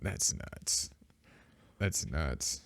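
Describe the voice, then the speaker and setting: A man's voice: very slow, fairly bright tone, no echo. A man with a stuffed-up nose, sounding congested and slightly short of breath as he chats casually as a podcast host. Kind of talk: casual chat.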